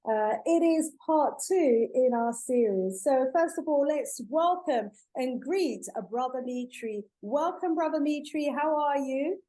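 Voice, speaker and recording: A woman's voice: high-pitched, lively intonation, a little slow, few pauses, low-quality recording. A woman hosting an online talk show, welcoming viewers as family and introducing her guest with enthusiasm. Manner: warm, affirming, addresses audience as family. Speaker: host.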